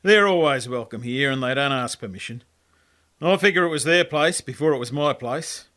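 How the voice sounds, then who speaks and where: The speaker, an Australian man, reads a first-person yarn he authored, keeping it laconic and colloquial. His medium-pitched voice is expressive, a bit bright, and moves at normal speed.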